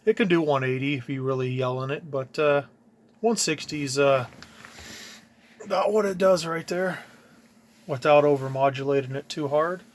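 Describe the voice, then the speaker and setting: A man with a fairly high voice gives an informal, plainspoken tour of his own DIY install at a moderate pace, taking long pauses as he points things out. There's noticeable ambient background noise.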